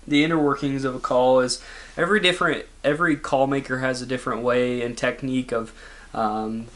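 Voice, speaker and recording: A young adult man giving a casual explanatory talk to camera for beginners, with informal, halting, loosely phrased delivery. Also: mid-range voice, a bit bright. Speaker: vlogger explaining hunting gear to beginners. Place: small carpeted home office, indoors.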